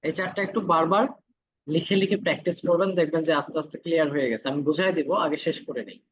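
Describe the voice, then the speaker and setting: Guy teaching a class online, husky voice, dull muffled sound, says every vowel twice. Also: fairly high pitch. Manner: patient, repeats each vowel sound slowly. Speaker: Korean language teacher. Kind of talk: classroom lesson.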